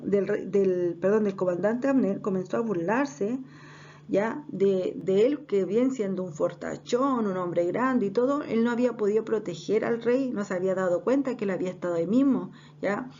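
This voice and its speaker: A woman's voice: medium pitch, moderate pace, mellow. A woman teaching a Bible class, retelling a story with frequent hesitations and checks that her listeners follow. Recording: dull lo-fi recording, faint noise.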